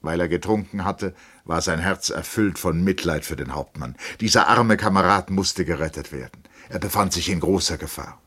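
Give me a deep-voiced man narrating a literary radio reading. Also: normal speed, few pauses, a bit bright, slightly rough.

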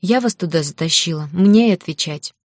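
A woman's voice: on the low side, animated, a little fast, no echo, studio quality. Woman reading a remorseful young heroine.

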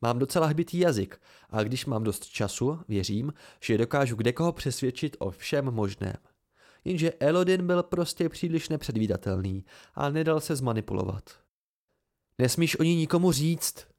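A man's voice: mid-range voice, gravelly. Man reading an amateur audiobook. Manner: steady first-person narration. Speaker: audiobook narrator.

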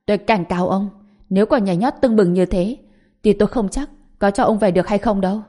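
A woman's voice: medium pitch, moderate pace, mellow, close to an everyday voice. A woman voicing a young male heir of a rich clan, cold, curt and threatening, in a spoken story.

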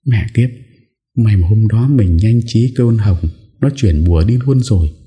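A man's voice: lowish voice, normal speed, dark tone, breathy edge, pitched above the performer's own voice. A man voicing a scheming young woman muttering crudely to herself.

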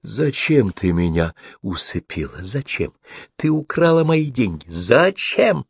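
A brutal, enraged man who shouts curses in a raised, strained voice, as a low-voiced male narrator puts him on in a dry audiobook recording. He stays loud and menacing. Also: very animated, slow, gravelly, breathy edge, no room sound, heavily acted. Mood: furious.

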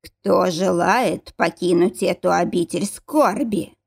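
A woman's voice: fairly low pitch, vocal fry, darkish tone, heavily acted. Woman voicing grating metallic talking gates. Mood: gloomy. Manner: slow, drawn-out, solemn delivery. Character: ancient talking cast-iron temple gates, gloomy and mocking. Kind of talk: audiobook narration.

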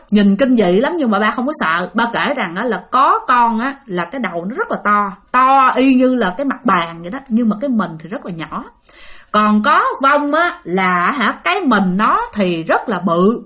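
A woman, chatting her way through spooky stories with plenty of fillers. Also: fairly high pitch. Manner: chatty and animated, with many fillers. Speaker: storyteller. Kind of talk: spoken ghost-story narration.

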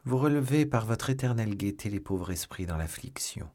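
A man voicing a weary, grave noble musketeer in a measured way, in an audiobook reading. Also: lowish voice, animated, darkish tone.

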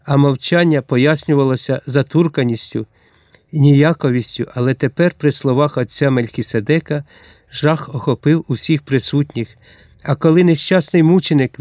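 A man narrating an audiobook with steady, expressive reading. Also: a little high, no echo, studio quality. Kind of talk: scripted narration.

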